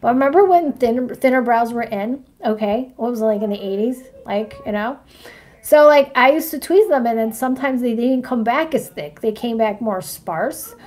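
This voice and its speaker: A chatty woman in her forties with a slightly high voice, talking casually to viewers in a livestream. She rambles from one point to the next and keeps checking in with "right?" and "you know what I mean?". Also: moderate pace, darkish tone. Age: 40s. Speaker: astrology vlogger showing her makeup routine.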